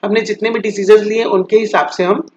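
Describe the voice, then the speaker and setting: High-voiced man teaching a commerce class. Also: little pitch movement, a crowd in the background. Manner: explains step by step, often asks and answers his own questions; drags out English definitions slowly, as if dictating. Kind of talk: recorded classroom lecture. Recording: dull lo-fi sound.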